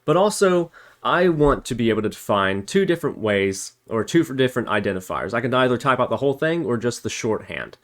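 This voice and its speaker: In a casual step-by-step coding tutorial, a man thinks aloud and self-corrects while typing. His voice is mid-range, fairly bright and expressive, and he moves briskly; the noisy recording picks up keyboard typing and clicking.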